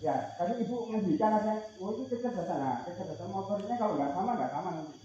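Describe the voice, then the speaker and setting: A man's voice: sits high, expressive, quick pace, slight background noise. A man leading group games at a training outing, calling out commands and teasing the group. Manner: shouted commands, joking and teasing. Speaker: outbound training facilitator. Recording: distant, roomy, muffled.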